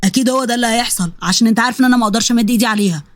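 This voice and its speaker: A woman's voice: on the high side, rapid-fire, dry recording, voice pushed down, close to an everyday voice. A woman voicing a stern, scolding older father with an Egyptian accent in a story. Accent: Egyptian Arabic. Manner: scolding, authoritative.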